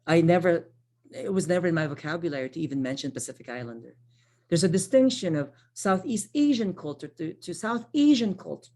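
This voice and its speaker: An online training workshop is led by a social worker from the Philippines, a Tagalog speaker, in a conversational style with frequent "right?" tags and self-corrections. Her voice has a fairly low pitch and a dark tone.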